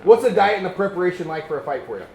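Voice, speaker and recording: A man's voice: high voice, sing-song, racing, a little mellow. A man hosting an upbeat pre-fight MMA interview in a slangy, teasing, chummy way. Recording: echoey room.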